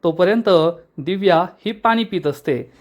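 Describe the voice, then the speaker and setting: A man narrating a TV serial episode recap in a lively storytelling manner. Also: high voice, moderate pace.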